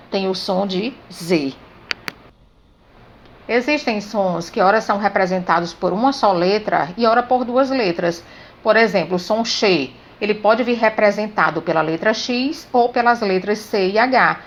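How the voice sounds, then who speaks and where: Brazilian woman teaching a phonetics lesson. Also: medium pitch. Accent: Brazilian Portuguese. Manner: slow, deliberate, spells out sounds letter by letter. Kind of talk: spoken grammar lesson.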